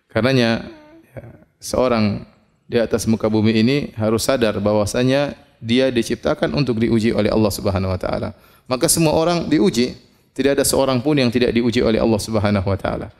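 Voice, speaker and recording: Middle-aged male preacher, mid-pitched, measured sermon delivery with "ya" fillers. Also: a little mellow. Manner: measured preaching with frequent "ya" fillers, recites Arabic verses. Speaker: Islamic preacher.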